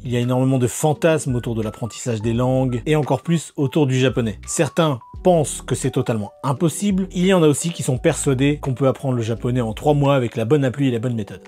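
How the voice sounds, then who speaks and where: Man with a mellow, dark voice. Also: mid-range voice, fast talker, hardly any pauses, soft background music. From Normandy, France. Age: 30s. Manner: chatty, candid, with occasional restarts. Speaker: YouTuber. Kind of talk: storytelling vlog narration.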